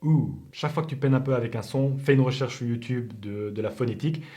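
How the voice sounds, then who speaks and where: A man's voice: medium pitch, quick pace, mellow. A young man talking casually to his viewers, giving direct tips on learning pronunciation and demonstrating sounds. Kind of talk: casual explanatory talk to camera.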